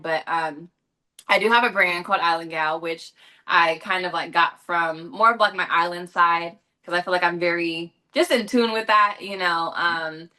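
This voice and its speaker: A young adult woman from Los Angeles, an actress appearing as a guest, answers interview questions chattily, full of fillers and self-corrections. Her voice is lowish with a sharp tone.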